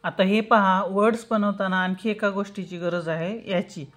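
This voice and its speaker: A woman's voice: medium pitch, fairly even intonation. Patient woman tutor spelling out letters. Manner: slow, patient, repeats questions and answers to herself. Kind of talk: teaching lesson.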